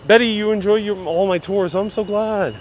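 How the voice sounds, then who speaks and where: Slightly muffled, higher-voiced man guiding outdoors. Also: steady tone, normal speed. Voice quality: slightly muffled through a mask. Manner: chatty, effusively polite to viewers. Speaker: live-streaming walking tour guide. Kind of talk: casual live commentary, answering viewer comments. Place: outdoors, walking on city streets. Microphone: clip-on mic worn on the body. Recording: street noise, outdoor live stream. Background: street ambience, passing vehicles.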